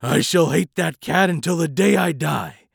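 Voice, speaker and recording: A man voicing a gruff, scruffy male mutt dog who talks loudly and bitterly. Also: on the high side, normal speed, no room sound, studio quality, pitched above the performer's own voice, heavily acted. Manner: loud and barking.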